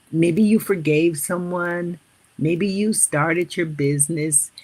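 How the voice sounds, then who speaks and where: Her voice is on the low side, a little mellow and husky. She is a motivational host in her fifties or older, leading a live stream where she calls viewers family and slowly walks them through repeated affirmations.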